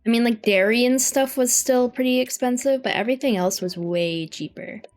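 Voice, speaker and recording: A Canadian woman livestreamer chatting casually over a game, rambling in a sleepy, low-key but playful way. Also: moderate pace, darkish tone. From British Columbia, Canada. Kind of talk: casual chat while playing a farming game. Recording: music behind the voice. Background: music.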